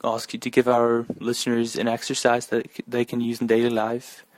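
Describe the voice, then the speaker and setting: A man speaks as an interview host in a mid-pitched voice with almost no melodic movement. His conversational delivery is thoughtful and a little halting. The recording is dry. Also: monotone, no room sound, low-quality recording.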